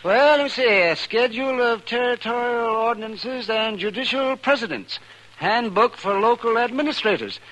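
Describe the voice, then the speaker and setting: An actor playing a wry old frontier town doctor with an American accent in a western radio drama, hemming and drily humorous. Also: male voice, very high voice, normal speed, a bit bright. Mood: hesitant, amused. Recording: noisy old radio recording.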